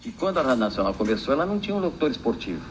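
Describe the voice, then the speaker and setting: An older Brazilian man, a veteran broadcaster, recounts an anecdote from memory in a noisy archive recording. His mid-range voice comes rapid-fire as he tells the story in an animated, informal way, acting out the quotes.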